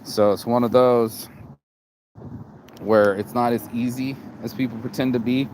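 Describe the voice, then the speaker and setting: A man's voice: mid-range voice, steady tone, measured pace, a little mellow. A tired man from Las Vegas, vlogging in a casual, rambling monologue with profanity and many restarts and repeated words. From Las Vegas, USA. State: tired, low energy. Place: outdoors in a city. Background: street and traffic noise.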